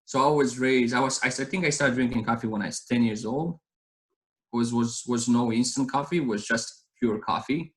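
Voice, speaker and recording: A man in his thirties with a Romanian accent, chatting as a guest on an interview. His voice sits at an ordinary middle pitch. He tells his story earnestly and rambles, restarting his sentences often. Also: moderate pace, rough recording. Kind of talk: casual interview chat.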